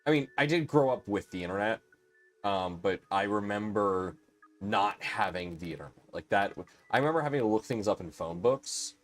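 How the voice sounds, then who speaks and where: A man's voice: fairly low pitch, expressive, moderate pace, faint music behind. A man in his late twenties hosting a casual live stream, rambling and chatty with lots of fillers and restarts. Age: 20s.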